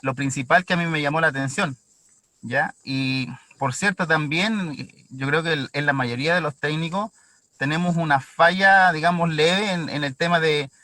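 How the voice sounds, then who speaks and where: A man's voice: fairly high pitch, moderate pace, sharp tone, no echo. A man from Chile, a mechanic giving a hesitant testimonial from inside a car. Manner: hesitant, tags lines with "¿ya?". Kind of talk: casual testimonial.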